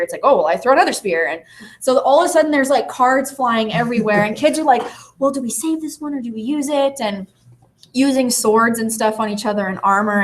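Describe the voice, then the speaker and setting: A woman teacher speaking to an audience in a mid-pitched voice, neither high nor low. She tells her classroom stories with lively energy and slips into her students' voices now and then. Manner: lively storytelling, acting out students' lines. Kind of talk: presentation to an audience.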